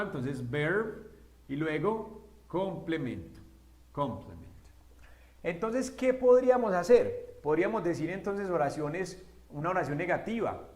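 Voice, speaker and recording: Man teaching English, echoey room. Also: on the high side. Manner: explains step by step, often checks with a quick "¿sí?". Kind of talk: recorded classroom lesson.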